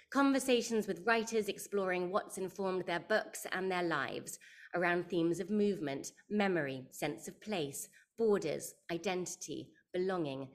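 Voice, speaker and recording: A woman hosting a podcast, reading a prepared introduction in a measured, clear way. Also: on the low side. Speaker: podcast host.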